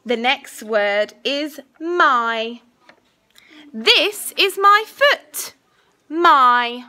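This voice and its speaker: A young woman reads a school dictation as a primary teacher. Her voice is fairly high and bright, with lively swings in pitch. She enunciates deliberately and repeats the target words. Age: young adult. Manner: slow, deliberate enunciation, repeating each word. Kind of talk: school dictation, spelling test. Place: small indoor classroom. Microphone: phone at arm's length.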